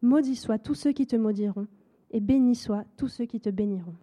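A woman voicing a blind old patriarch who speaks in grave, measured pronouncements. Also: a little high, dark tone, close to an everyday voice. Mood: solemn.

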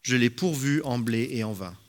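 A man voicing an old blind father in a scripture reading, speaking in a measured, solemn way. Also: mid-range voice, animated, close to an everyday voice.

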